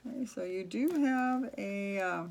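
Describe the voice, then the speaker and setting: A woman giving a tarot reading in a quiet, low-key voice, pausing often and filling the gaps. Her pitch sits in a middle range. A faint hiss runs under the recording. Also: creaky. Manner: soft-spoken, halting with many fillers. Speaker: tarot reader.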